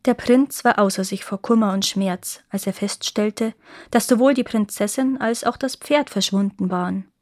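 A woman storyteller reading a fairy tale aloud with an expressive, lively delivery. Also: mid-range voice, normal speed, no room sound, clean studio sound.

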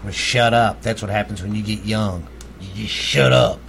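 A middle-aged Texan man with a Texan accent co-hosts a podcast, swapping ghost stories in a casual chat. His voice is fairly low, fairly bright, with vocal fry at a moderate pace and slight hiss or hum, and his style is blunt, joking, and profane.

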